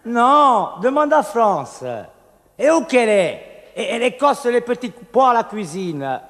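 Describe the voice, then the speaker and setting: A man's voice: very high-pitched, very animated, a little slow, long reverb tail. A man from Corsica performing a comic monologue full of wordplay, acting out the voices in a bar story. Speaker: comedian.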